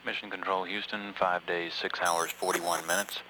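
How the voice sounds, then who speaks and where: A man giving measured, matter-of-fact mission commentary as a control room announcer, halting at times. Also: deep voice, level tone, noisy background. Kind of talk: public affairs mission commentary.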